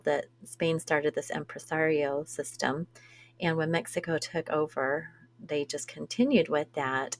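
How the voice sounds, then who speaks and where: Deep-voiced chatty woman podcaster. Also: vocal fry. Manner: chatty, laughs easily, self-deprecating. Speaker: podcast co-host. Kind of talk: conversational podcast discussion.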